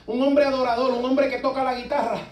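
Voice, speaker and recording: High-voiced preacher, fervent, echoey hall. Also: male voice, flat delivery, quick pace. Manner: fervent, repetitive, rises to shouting. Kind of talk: sermon. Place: church hall. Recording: echoey church from far off.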